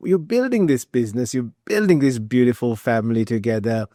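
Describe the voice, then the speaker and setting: A man hosting a podcast interview. He asks questions in a casual way, with many halting restarts, and often laughs while he talks. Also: mid-range voice, warm tone, dry recording, clean studio sound. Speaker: podcast host.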